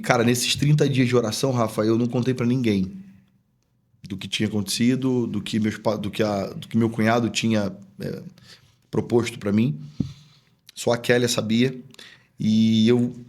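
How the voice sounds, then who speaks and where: A man's voice: lowish voice, steady tone, moderate pace, a little mellow. A man who is a pastor and business owner, telling a personal story as a podcast guest in a chatty, earnest way and acting out remembered dialogue. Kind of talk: casual storytelling in a podcast interview.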